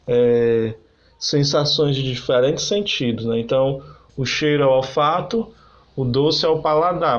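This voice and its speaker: A man's voice: mid-range voice, lo-fi sound. A man teaching a lesson on figures of speech, explaining step by step and often checking in with tag questions.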